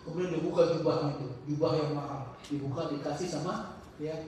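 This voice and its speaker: A man with a high voice leads a casual religious study circle, pausing mid-sentence to search for words and then acting out the voices of people in his stories. He's recorded from afar in a booming, echoing mosque hall, with a faint hiss in the background.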